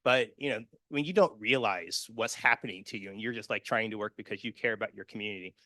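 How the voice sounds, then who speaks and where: A man's voice: fairly low pitch, fast, bright, forceful tone, no room sound. A man giving a personal, earnest conference presentation with slides, full of fillers and restarts. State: emotional, near tears. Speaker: conference speaker.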